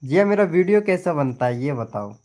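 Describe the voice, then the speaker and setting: A man's voice: on the high side, expressive, brisk, darkish tone. A young man hosting a casual live stream, chatting and teasing his viewers by name as he shows them his channel.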